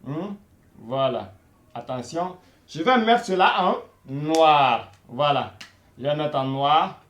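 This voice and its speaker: Guy teaching beginner arabic, high lively voice, slow and repetitive, echoey room. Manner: slow and repetitive, repeating each word many times; says "voilà" and "hein" constantly. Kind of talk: video lesson for beginners.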